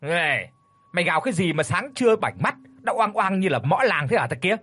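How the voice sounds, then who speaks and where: A man doing a contemptuous old village official, husky, barking. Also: on the high side, big pitch swings, normal speed, fairly bright tone, full character voice. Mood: scornful.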